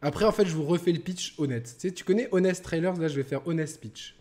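A man's voice: fast talker, a little mellow. A man hosting a casual gaming chat show, joking around and repeating himself as he restarts sentences. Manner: joking, mock-reads a sarcastic pitch. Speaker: podcast host.

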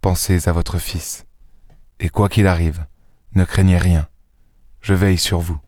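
A self-assured gentleman speaks in a firm, measured, reassuring way, read by a male narrator. His voice sits at an ordinary middle pitch. The recording is close and dry. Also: dry recording, natural voice. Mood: hushed. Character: calm, commanding gentleman protector. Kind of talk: audiobook character reading.

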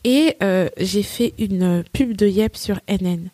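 A woman's voice: medium pitch, slow, no room sound. A woman talking as a podcast guest, telling stories with energy and acting out quotes. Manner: animated storytelling, acts out quotes. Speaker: guest, English-teaching entrepreneur. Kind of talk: casual podcast conversation.

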